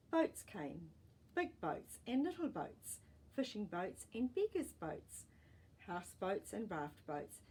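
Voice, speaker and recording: This woman reads children's picture books aloud with a dark, mellow timbre at mid pitch. Her delivery is expressive and deliberate, shaped for young listeners, with asides mixed into the storytelling, and a slight background noise is audible.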